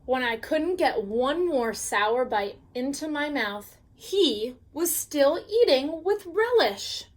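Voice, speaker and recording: A woman reading a picture book aloud as a bedtime story, pausing to ask the listener questions. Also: sits high. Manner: slow, gently expressive reading with questions to the listener.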